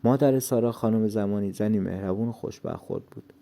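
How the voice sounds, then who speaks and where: A man reading a story aloud in a steady narrating manner, with a gravelly voice. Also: fairly low pitch. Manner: steady storytelling, lightly voicing the characters.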